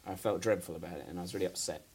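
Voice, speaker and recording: A man's voice: deep voice, fairly even intonation, racing, darkish tone, slight background noise. A man co-hosting a podcast, telling a long story in a rambling, self-deprecating way and laughing often. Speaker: podcast co-host. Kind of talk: casual storytelling chat.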